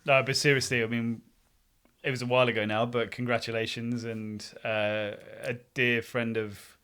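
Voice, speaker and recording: A man's voice: mid-range voice, little pitch movement, moderate pace, pushed and bright, clear, resonant tone. A man hosting a podcast, chatting casually with his guest and offering encouraging remarks. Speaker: podcast host. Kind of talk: casual interview chat.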